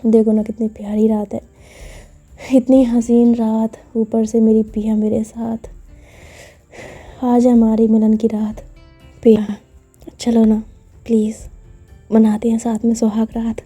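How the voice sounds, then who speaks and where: This is a lovestruck young woman who keeps pleading and sweet-talking, as a woman storyteller voices her. The voice is very mellow and husky, and faint music plays underneath. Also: fairly high pitch, steady tone, normal speed. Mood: coaxing. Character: coaxing apologetic young woman in love.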